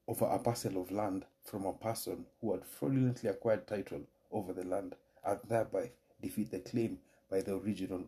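A Kenyan man hosting a solo podcast, explaining legal doctrine in a measured, formal lecturing way. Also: low voice, dark tone. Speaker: lawyer and podcast host.

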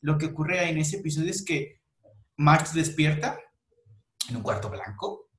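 A man hosting a casual chat, telling stories in an animated, slangy way with many restarts. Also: a little high, a little slow. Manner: animated storyteller, slangy, frequent restarts and laughs. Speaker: podcast host. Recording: echoey room.

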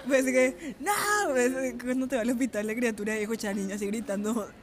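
A woman's voice: fairly high pitch, fairly even intonation, brisk, darkish tone. A young woman in her twenties with a Paraguayan Spanish accent, telling a story in casual podcast chat, acting out voices and laughing often. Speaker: podcast co-host.

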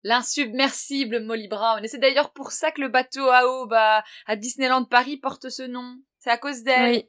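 A woman with a fairly high voice joins a relaxed podcast conversation. She chimes in eagerly with quick comments. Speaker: podcast co-host. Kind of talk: casual podcast chat.

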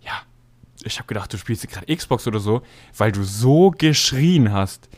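A young man co-hosting a casual podcast, telling stories in a slangy, animated way with many fillers. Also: on the low side, a little slow. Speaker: podcast co-host. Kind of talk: casual chat.

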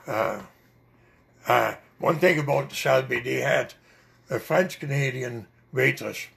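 An older man with a Dutch accent and a deeply gravelly, creaky voice recounts his memories. He rambles and pauses often between words as an interviewee. His pitch sits in an ordinary middle range. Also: a bit bright. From Netherlands. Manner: rambling storyteller with many hesitations. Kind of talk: oral history interview.

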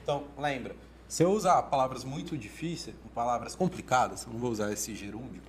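With a medium-pitched voice and a somewhat quick pace, an oratory teacher with a Brazilian Portuguese accent talks casually, often restarting and animatedly playing out quoted thoughts. A little hiss or hum is audible.

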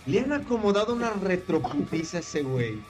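A man with a Mexican Spanish accent jokes through a casual chat in crude slang. His voice sits a bit high. Guitar music plays clearly behind him. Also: sing-song, fairly quick.

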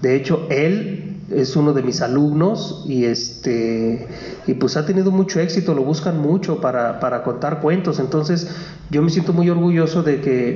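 Animated man storyteller, slightly high voice, muffled roomy recording. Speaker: storytelling teacher and guest. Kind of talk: casual chat and story narration. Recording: roomy lo-fi radio sound.

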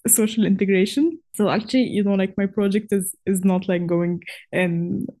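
A woman's voice: mid-range voice, fairly even intonation, normal speed, dark tone. A young woman from Egypt in her twenties, answering interview questions casually and hesitantly, with frequent fillers and restarts. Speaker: guest.

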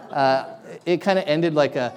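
A young man preaching a sermon in a casual, halting way with lots of ums, his voice carrying an echoey big-room sound. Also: on the high side, darkish tone, a little hiss or hum. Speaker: guest preacher.

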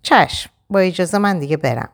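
A woman reading a story aloud, voicing a timid young woman who speaks softly with a trembling voice. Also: lowish voice, lively intonation, vocal fry, voice pushed up. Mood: polite. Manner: soft, trembling.

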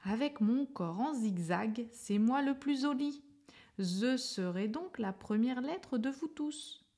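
A woman's voice: on the high side, lively intonation, slow, dark tone, pitched above the performer's own voice, heavily acted. A woman voicing a boastful male letter Z who lisps as he brags, in a storybook. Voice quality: lisp. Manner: bragging.

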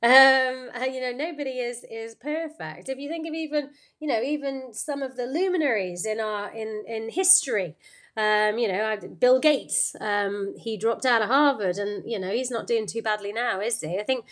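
Speaking at a moderate pace in a slightly high, fairly bright voice, a podcast host works through a motivational story. Her delivery is unscripted and meandering, packed with fillers and restarts.

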